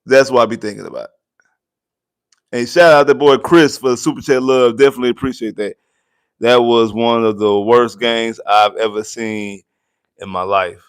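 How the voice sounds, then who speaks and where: A man hosting a postgame livestream, talking in a casual, repetitive, animated way. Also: mid-range voice, normal speed, clean tone. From United States. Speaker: sports show host. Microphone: desk mic.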